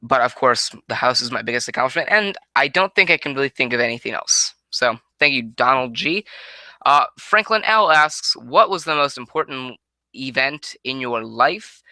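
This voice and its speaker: A nineteen-year-old man from Connecticut, USA gives a casual Q&A monologue in response to viewer questions, rambling and frequently correcting and restarting himself. Using a headset mic in a small room at home, he speaks at a normal speed in an expressive, medium-pitched voice that sounds pushed and bright, and the recording is dry.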